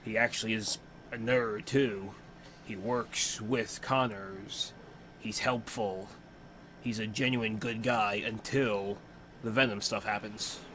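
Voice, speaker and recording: A man's voice: lowish voice, steady tone, slow pace, a bit bright, slight background noise. A young man hosting a watch-along, giving casual reaction commentary full of playful, joking asides.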